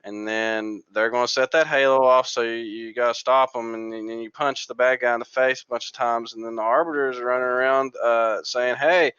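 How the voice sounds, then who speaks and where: A man's voice: mid-range voice, little pitch movement, a little fast, hardly any pauses, a bit bright, clear, resonant tone, no room sound, muffled recording. A man co-hosting a podcast, summarizing a story in a rambling, jokey way with lots of ums. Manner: rambling, jokey plot summary with many fillers. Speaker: podcast co-host. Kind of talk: casual chat.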